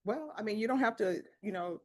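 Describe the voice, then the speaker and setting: Woman judge, firm and measured, lecturing from the bench. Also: mid-range voice, expressive, darkish tone. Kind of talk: courtroom proceedings. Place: courtroom.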